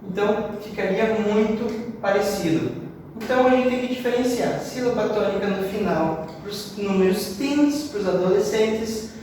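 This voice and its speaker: A high-voiced man from Brazil teaches a class, repeating each word slowly so students can copy it. He is recorded from a distance in a very echoey room with a long reverb tail and faint background noise. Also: darkish tone. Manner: explains step by step, repeating words slowly for drill. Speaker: English teacher. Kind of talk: classroom lesson. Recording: roomy echo, voice off-mic with long reverb.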